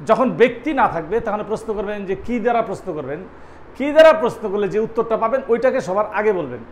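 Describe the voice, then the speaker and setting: A man's voice: high-pitched, expressive, quick pace, a little hiss or hum. A man teaching an English lesson, asking and answering his own questions and spelling words out letter by letter. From Bangladesh. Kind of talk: spoken language lesson.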